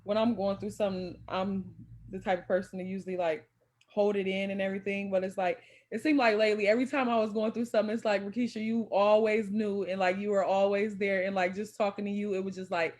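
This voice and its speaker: A woman's voice: medium pitch, flat delivery, fast, a little mellow. Earnest woman guest chatting. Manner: earnest, says "like" often. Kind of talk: casual chat.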